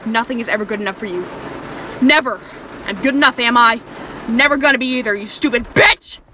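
A woman's voice: medium pitch, measured pace, a little hiss or hum, natural voice. A woman voicing a volatile, possessive male killer in an audio drama, speaking in a controlling, threatening manner. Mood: seething, shouting. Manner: menacing and controlling, soft-spoken then raging. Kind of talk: erotic horror audio drama.

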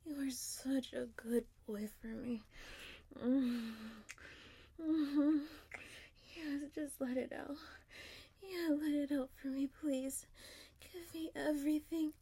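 A woman speaking in a soft, mostly whispered voice, affectionate and intimate, in an audio roleplay. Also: sits high, creaky.

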